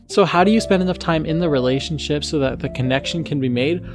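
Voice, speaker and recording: A man's voice: on the high side, fast. A man giving an earnest film critique commentary, with sarcastic asides. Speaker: video essayist.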